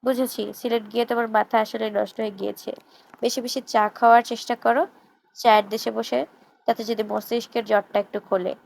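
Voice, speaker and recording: A woman's voice: a little high, level tone, a little fast, creaky, darkish tone, low-quality recording. A woman reading a dry, scolding young wife. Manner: dry, scolding, matter-of-fact.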